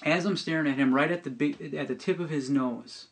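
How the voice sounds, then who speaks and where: Earnest and halting, a middle-aged podcast guest tells his personal testimony, restarting and repeating words often. His pitch is fairly high, and there's a little hiss or hum in the recording.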